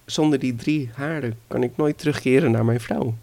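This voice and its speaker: A man voicing a timid young hero who stammers and hesitates, with a gravelly voice. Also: medium pitch, steady tone, normal speed, dark tone, voice pushed up, natural voice. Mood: unsure. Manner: stammering, unsure.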